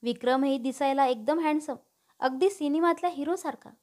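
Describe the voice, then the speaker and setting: A woman narrating a family story in a steady, expressive reading. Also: high voice, moderate pace.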